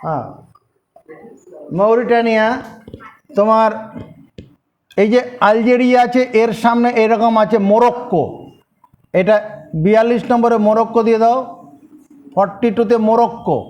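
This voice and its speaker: A man's voice: extremely high pitch, fairly even intonation, a little mellow, muffled recording. A man teaching an informal geography lesson, repeating names and spelling them out letter by letter. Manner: slow, repetitive, spelling letter by letter.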